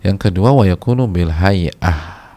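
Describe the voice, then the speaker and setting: A man's voice: low-pitched, takes it slowly, mellow. A male preacher giving a conversational sermon to a congregation, repeating key phrases for emphasis and reciting short Arabic phrases. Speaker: Islamic preacher.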